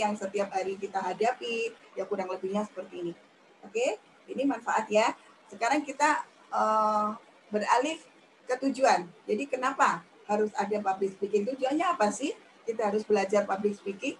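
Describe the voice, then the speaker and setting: A woman's voice: a little hiss or hum, rough recording. Chatty woman teaching public speaking. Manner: chatty, demonstrative, acts out high-pitched examples. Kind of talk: radio talk lesson.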